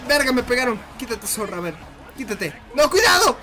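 Bright-voiced excitable gamer guy. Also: very high-pitched, brisk, faint music behind. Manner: excitable, laughing, shrieks and swears. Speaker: gaming commentator. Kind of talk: casual gameplay commentary.

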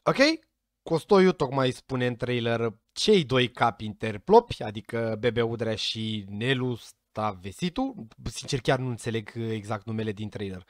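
A man giving casual commentary to his viewers, chatty and speculative, sometimes tripping over names. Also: medium pitch. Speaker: vlogger reacting to a series trailer.

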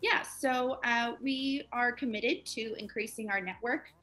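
A woman's voice: fairly high pitch, unhurried, bright, forceful tone, faint music behind. A woman in her twenties, a guest on a company interview, explaining eagerly over a video call. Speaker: project manager guest.

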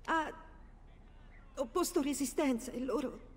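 An actress playing a distressed, loyal household servant with a husky voice in dramatic game dialogue. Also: female voice, sits high, measured pace, long reverb tail. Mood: worried, urgent.

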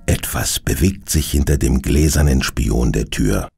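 A man narrating a children's detective radio play in an expressive, lilting way. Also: a bass voice, measured pace, vocal fry. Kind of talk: scripted storytelling for children.

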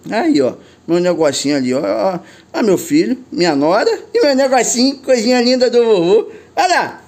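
An older man with a Carioca accent, narrating his drone vlog in an excitable, slangy way, laughing often and calling out to his viewers. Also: high voice, normal speed. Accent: Carioca Portuguese. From Rio de Janeiro, Brazil. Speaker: drone vlogger.

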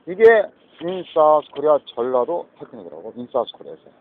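A man's voice: mid-range voice, sing-song, fast. Man rambling over a tinny phone line. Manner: mixes Korean and English, repetitive, agitated asides. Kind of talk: rambling self-recorded monologue. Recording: tinny phone-like audio with faint noise.

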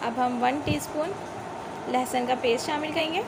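In her home kitchen, a woman from Pakistan narrates a recipe step by step for her cooking channel, homely and talkative, with a habit of telling viewers "see". Her high voice moves at a normal speed, captured by an overhead phone or camera in a noisy recording.

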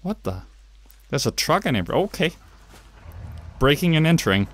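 A young adult from Denmark speaks at a moderate pace in a fairly high, sing-song voice that's a bit bright, with a Danish accent. As a gaming YouTuber doing let's play commentary, he chats through the game with jokey, self-deprecating asides at his indoor home gaming setup.

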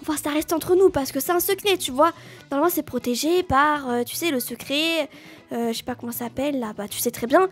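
A woman's voice: high-pitched, fairly quick. A woman YouTuber role-playing as a psychologist in a comedic game role-play, talking in a flustered, hesitant way. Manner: flustered, hesitant, lots of fillers.

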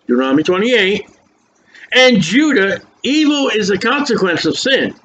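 High-voiced older preacher with whistling s. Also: male voice, a bit bright. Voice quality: whistling s from new dentures. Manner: emphatic, folksy asides between slowly read verses. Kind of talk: expository sermon, reading scripture aloud with running commentary. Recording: dull lo-fi recording with faint noise.

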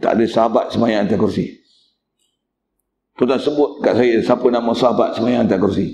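A man's voice: mid-range voice, steady tone, fairly quick, gravelly, warm tone, echoey room, slight background noise. A male religious teacher, giving a mosque lecture in a blunt, teasing way and speaking straight to the congregation.

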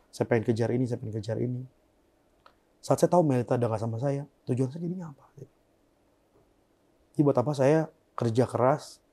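Speaking in a mid-range voice, a young interview guest recounts a painful story from his life. He talks softly and in a subdued manner, frequently letting his words fade away.

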